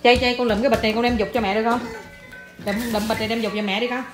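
A woman with a Southern Vietnamese accent films her small child, teasing and coaxing in a playful, slightly high voice. She addresses her viewers directly and mixes English words into her talk, with clear music playing in the background. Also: steady tone, racing. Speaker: mother filming her toddler. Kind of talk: casual home video chat.

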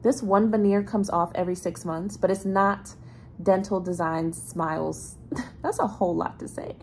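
Speaking at a normal speed and medium pitch, this young woman in her twenties vlogs to her phone camera, held low and close, in a bright apartment room with a ceiling fan. Her storytelling is lively and chatty, broken up by laughs, and she sounds slightly congested. A faint hiss or hum is present.

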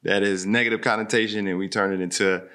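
A man's voice: fairly low pitch, fairly even intonation, fast talker, bright, forceful tone. A middle-aged man co-hosting a podcast over a video call, upbeat and full of banter. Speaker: podcast co-host. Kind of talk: casual podcast conversation. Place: home room. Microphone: earbuds, video call.

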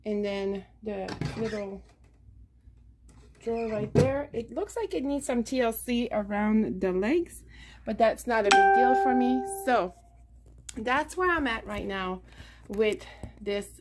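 A middle-aged woman, indoors in her living room, shows her thrift and yard sale finds to a camera on a nearby table in a casual, rambling chat with lots of fillers. She speaks slowly in a slightly high voice over heavy background noise.

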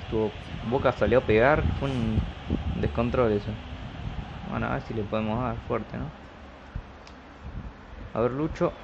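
A man with an Argentine accent and a gravelly edge commentates a football video game casually, rooting for his side in colloquial terms. The sound is dull and lo-fi, with clear noise behind him. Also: medium pitch, fairly even intonation, normal speed, long pauses. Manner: colloquial, partisan cheering on players. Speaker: YouTube gamer commentating his own match. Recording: dull lo-fi audio with loud noise.

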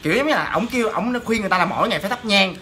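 A woman telling a ghost story in a chatty, animated way, talking straight to her listeners. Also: mid-range voice, very fast, a little hiss or hum.

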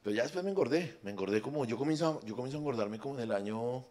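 A man's voice: mid-range voice, animated, racing, darkish tone. A man with a Colombian accent doing improvised stand-up storytelling on a live stage, crude and swearing. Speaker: stand-up comedian. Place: comedy stage at a live show.

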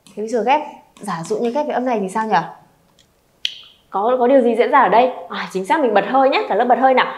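A woman's voice: a little high, fast talker, a little hiss or hum. A Vietnamese woman teaching a language class, leading students through pronunciation drills and encouraging them to repeat aloud. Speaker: Chinese teacher.

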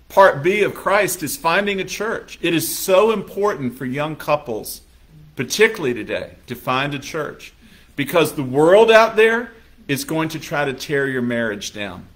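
Man, pastor, sermon, conversational, slightly high voice, acts out quotes. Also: fairly bright tone. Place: church sanctuary.

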